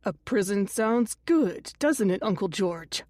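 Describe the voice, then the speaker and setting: A woman reading an audiobook voices an angry young man who shouts accusations while holding a gun. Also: medium pitch, animated, slow pace, no echo, studio quality.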